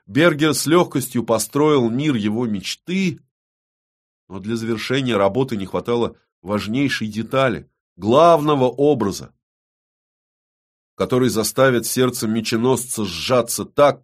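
Low-voiced male audiobook narrator.

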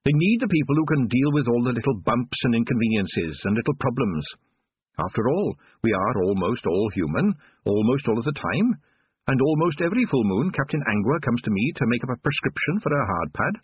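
A man's voice: mid-range voice, lively intonation, fairly quick, husky, no echo, voice pushed up. A man voicing a shrewd, sly middle-aged city witch woman, knowing and mock-nasty, in a dry, tinny audiobook recording. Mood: wry. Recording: dry, tinny phone-like sound.

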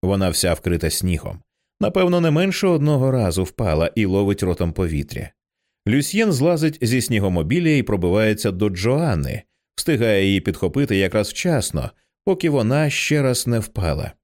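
A man narrating a screenplay as an audiobook reader, in a dramatic and expressive way. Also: fairly low pitch, moderate pace.

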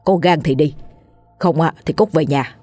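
A woman's voice: sits low, normal speed, mellow, no room sound, faint music behind. A woman voicing a hot-tempered old male village thief who is coarse and bossy. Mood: scheming.

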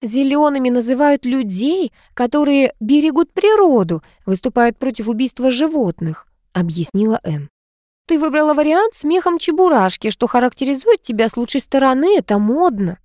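A chattering, theatrical society aunt, as a female reader puts her on, with a raised, lively voice. She gushes and dramatizes every sentence, recorded close and dry. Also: sits high, moderate pace, dry recording, voice pushed up. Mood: gushing. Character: theatrical much-married society aunt, flamboyant and gushing.

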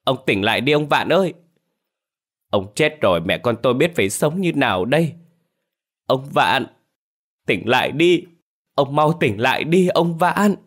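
A man's voice: medium pitch, animated, measured pace, long pauses, fairly bright tone, pitched above the performer's own voice. A man voicing a grieving middle-aged second wife who wails and cries out. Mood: wailing. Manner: wailing, crying out.

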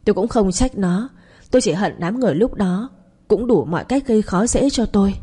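A woman's voice: medium pitch, lively intonation, brisk, warm tone, slightly rough. A woman voicing a proud young wife, tearful and bitter at being wronged. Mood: sobbing.

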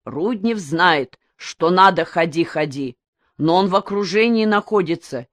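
A woman's voice: fairly low pitch, lively intonation, measured pace, no room sound. A woman voicing an eager, bookish teenage boy who retells a story he read.

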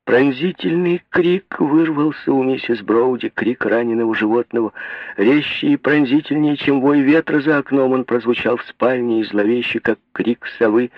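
A man narrating a novel as an audiobook in a measured, expressive way. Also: mid-range voice, no room sound, highs cut off.

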